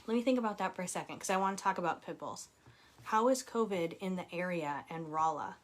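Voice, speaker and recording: A fast-talking woman with a low-leaning voice and lively intonation, heard over slight background noise. In her forties, this author hosts a casual home live chat, chatty and warm, voicing viewers' comments and laughing often.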